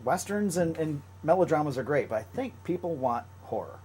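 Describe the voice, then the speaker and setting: A man co-hosts a casual podcast, talking quickly with a lively, bouncing pitch. He jumps in eagerly to add facts and finish sentences, over a faint background hiss. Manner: quick, enthusiastic, chiming in and finishing lines. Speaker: podcast co-host. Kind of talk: casual chat.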